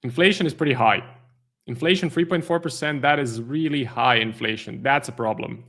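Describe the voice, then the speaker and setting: A man's voice: medium pitch, fairly quick, a bit bright. A man, a trading stream host giving live market commentary, thinking aloud with many fillers and restarts. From Croatia.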